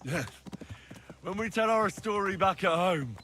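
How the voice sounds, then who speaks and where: Bright-voiced, teasing young squire. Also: male voice, high-pitched, expressive, measured pace, full character voice. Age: young adult. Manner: wry, teasing. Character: good-humoured, teasing young squire and loyal companion. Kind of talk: video game voice acting.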